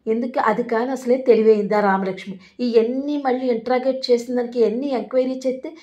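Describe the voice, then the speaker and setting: A woman's voice: fairly high pitch, fairly even intonation, fast talker, a little mellow, dull audio, lightly acted. A woman voicing an alarmed older mother who scolds her son. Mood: scolding.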